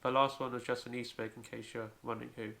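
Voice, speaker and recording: Gravelly man explaining step by step. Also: mid-range voice, little pitch movement, quick pace, bright, forceful tone. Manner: careful, step-by-step explaining with frequent "so". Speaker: language video host. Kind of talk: home-made tutorial.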